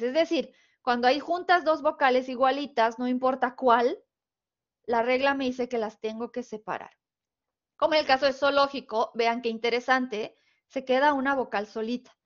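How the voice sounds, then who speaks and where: A woman with a northern Mexican Spanish accent teaching a spelling lesson, patiently explaining rules step by step and checking in with her students. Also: sits high. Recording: dull, lo-fi recording.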